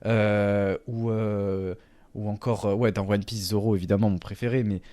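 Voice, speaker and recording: A man's voice: on the low side, steady tone, normal speed, dark tone, dry recording. A man co-hosting a casual podcast, talking with frequent hesitations and fillers. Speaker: podcast co-host.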